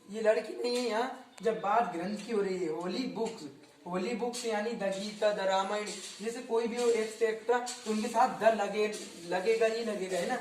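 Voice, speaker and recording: A young male teacher with a high voice explains grammar in Hindi, repeating words and quizzing his students in a steady, slightly mellow tone at a moderate pace. Standing far from the mic, he sounds roomy and echoey with faint background noise, and he frequently corrects his own slips.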